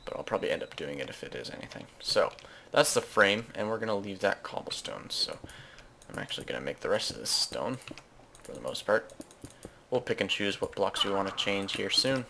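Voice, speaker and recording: Gaming host, male, lowish gravelly voice, loose self-correcting chatter over gameplay, faint keyboard clatter behind. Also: very animated, brisk, pushed and bright, a little hiss or hum. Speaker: Let's Play host. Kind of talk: casual gameplay commentary.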